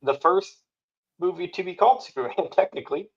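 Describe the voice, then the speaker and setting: A man's voice: sits high, expressive, brisk, vocal fry, husky. A man co-hosting a podcast, opening the show with his audio sounding echoey, as if from a big hall. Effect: echoey, hall-like audio from a misrouted mic system. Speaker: podcast co-host. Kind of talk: casual podcast intro. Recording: dull, echoey remote audio.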